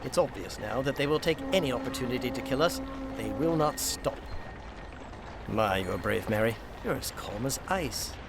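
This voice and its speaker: An actor playing a gallant, protective Victorian doctor in a radio drama, brisk, formal, earnest and commanding. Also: male voice, mid-range voice, lively intonation. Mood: tender, earnest. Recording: clear outdoor street and vehicle noise.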